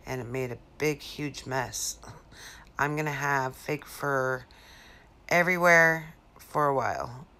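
Low-voiced woman rambling through a craft tutorial. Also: slow, sharp tone. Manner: rambling, lots of fillers and restarts. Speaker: craft vlogger. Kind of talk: casual DIY tutorial chat. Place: living room at home.

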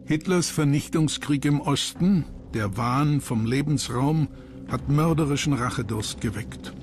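A man narrates a history documentary at a slow pace over clear background music. His delivery is sober, grave and measured, with a mid-range pitch.

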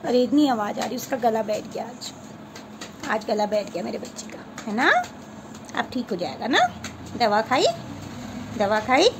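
Chatty vlogging mother, higher gravelly voice, noisy home recording. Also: moderate pace. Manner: chatty, coaxing with her children. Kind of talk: casual family vlog chat.

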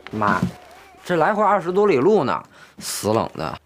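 A man's voice: a little high, wildly swooping pitch, normal speed, fairly bright tone, heavily acted. An actor playing a brash young village man, who talks in an offhand, cocky way.

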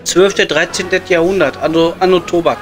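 In an improvised pub-chat comedy audio play, a man lightly acts the part of a chatty, joking, foul-mouthed Ruhr coal miner with the region's German accent. His voice sits high with fairly even intonation and normal speed, and faint music plays behind.

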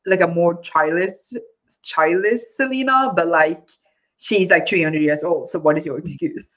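A woman's voice: lowish voice, measured pace, a bit bright, rough recording. A woman co-hosting a book club, chatting casually and hesitantly, with frequent restarts and filler words.

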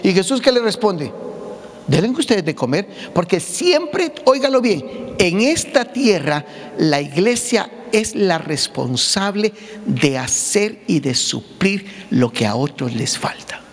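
Pastor preaching a humorous sermon; high, raspy-edged male voice, big reverberant sanctuary. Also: very animated, takes it slowly. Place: church sanctuary. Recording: long church hall reverb.

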